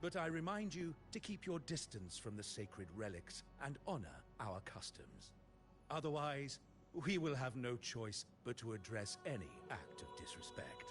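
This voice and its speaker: A man playing a pious, controlled cleric in a video game, speaking in a serene, measured and preachy way. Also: medium pitch, big pitch swings. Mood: controlled warning. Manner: solemn, measured, preachy, formal. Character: pious, controlled zealot cleric of a religious order. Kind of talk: scripted video game dialogue. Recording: background music under the voice.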